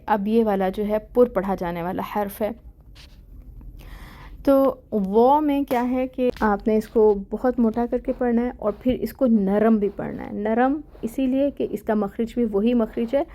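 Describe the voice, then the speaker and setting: A woman teaching Quran letter pronunciation in a patient online lesson, drilling syllables slowly and repeating them. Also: on the high side, mellow. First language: Urdu.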